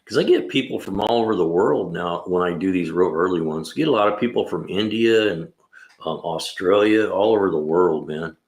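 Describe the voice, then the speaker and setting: A deep-voiced man in his sixties, a mechanic, chats casually on his livestream at a moderate pace. The garage setting gives the audio an echo, and his relaxed, wandering talk leans on "man" and "you know."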